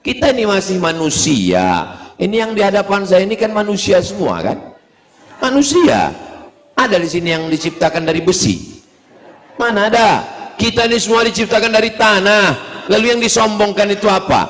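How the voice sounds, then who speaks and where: A man, giving a humorous sermon, animated and jokey, swinging between high exclamations and low asides. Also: normal speed. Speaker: preacher. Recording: reverberant hall sound.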